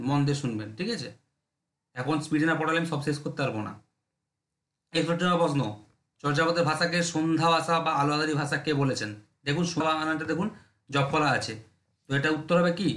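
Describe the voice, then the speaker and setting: Guy drilling mcq answers fast, bit high voiced, roomy echo. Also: fairly bright tone. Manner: brisk, drilling, repeats checks with listeners. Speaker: exam-prep teacher. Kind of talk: rapid MCQ exam lesson.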